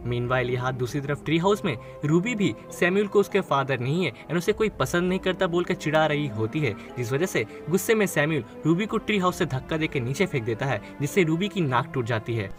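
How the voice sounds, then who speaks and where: A man tells a film's story as a scripted recap, his voice sitting a little above the usual male range. He moves steadily from scene to scene and slips English phrases into his sentences. Soft music plays faintly underneath. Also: a little high. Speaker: movie recap narrator. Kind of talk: scripted movie recap narration.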